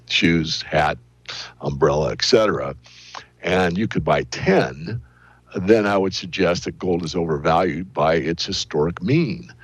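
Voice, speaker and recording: A man answering interview questions in a deliberate, hedging, analytical way. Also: low-pitched, husky, no echo. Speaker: interview guest, silver analyst.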